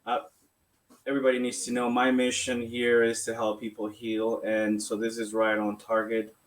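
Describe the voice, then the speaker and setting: Calm Colombian-born man explaining therapy. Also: mid-range voice, normal speed. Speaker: massage therapist. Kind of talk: interview answers.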